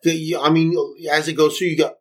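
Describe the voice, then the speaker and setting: Chatty, fairly high-voiced middle-aged man. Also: level tone, fairly quick. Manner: chatty, profane, interjecting, stumbling over words. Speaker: podcast co-host. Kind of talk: casual movie discussion.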